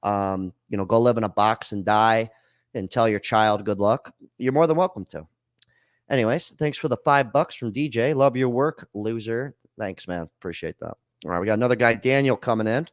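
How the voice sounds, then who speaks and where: A man with a lowish voice hosts a call-in podcast, chatting casually at normal speed in loose, blunt slang and swearing freely. The sound is clean studio audio with no room sound.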